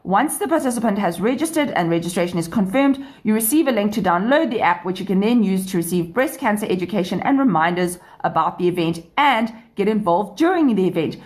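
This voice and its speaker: A woman's voice: medium pitch, a little mellow. A woman with a South African accent hosting a radio show, presenting in an enthusiastic, upbeat way that mixes scripted items with chat. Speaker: radio show and podcast host.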